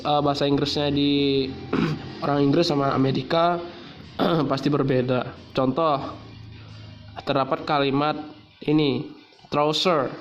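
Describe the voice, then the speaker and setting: A man teaching English in a relaxed video lesson, pausing often with fillers and restarting his sentences. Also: a little high, highs cut off. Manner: hesitant, many fillers and restarts. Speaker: English tutor.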